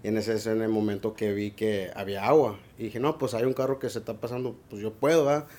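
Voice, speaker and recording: A man's voice: on the low side, fairly even intonation, fast talker, a little mellow. A young man, recounting events casually in a loose storytelling way with frequent fillers and English words mixed in. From Laredo, Texas border region. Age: young adult. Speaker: local resident rescuer interviewed.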